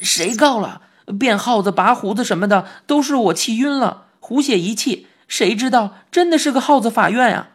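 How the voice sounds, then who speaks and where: A woman's voice: fairly high pitch, lively intonation, moderate pace, hardly any pauses, pitched above the performer's own voice. A woman voicing an anxious, protesting young boy in a storybook reading. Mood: flustered. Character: flustered young boy narrator-hero.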